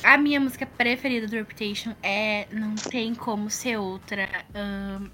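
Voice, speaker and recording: A woman's voice: medium pitch, steady tone, moderate pace, bright, forceful tone, slight background noise. A woman with a Brazilian accent hosting a podcast in casual chat, effusive and enthusiastic. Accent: Brazilian Portuguese. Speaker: podcast host.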